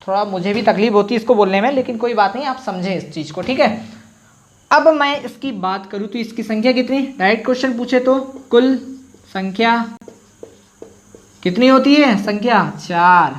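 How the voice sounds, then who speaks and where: A man teaching a Hindi grammar lesson online, who asks questions and answers them himself and repeats sounds slowly so students can copy them. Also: very high-pitched. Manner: addresses viewers directly with frequent "theek hai". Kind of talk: online exam-prep lesson.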